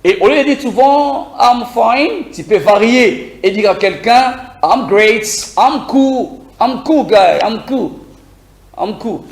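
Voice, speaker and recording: A man teaching a beginners' English lesson on air, lively and repetitive, asking listeners to repeat phrases after him. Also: extremely high pitch, slow, echoey room. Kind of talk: live broadcast English lesson.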